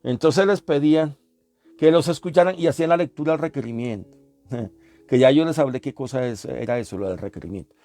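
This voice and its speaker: A man's voice: medium pitch, fairly quick, warm tone, faint music behind. A man lecturing a class, explaining step by step, repeating sounds and asking the class questions. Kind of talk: classroom lecture on language history.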